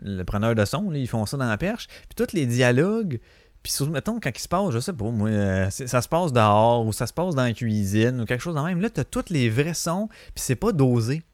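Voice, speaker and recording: A man's voice: medium pitch, very animated, normal speed, no echo. Quebec guy rambling on his podcast, swears a lot, mid voice, dry room. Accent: Quebec French. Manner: rambling, slangy, swears freely. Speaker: podcast host. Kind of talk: casual storytelling monologue.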